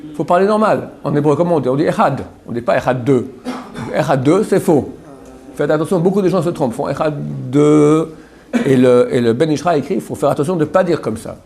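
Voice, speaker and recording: A man leads a religious lesson as the teacher. He explains each point step by step and repeats sounds slowly to demonstrate them. He keeps checking that his students follow him. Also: a little high, animated, creaky, a little mellow. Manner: addresses students directly with frequent "d'accord?". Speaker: rabbi teaching a class.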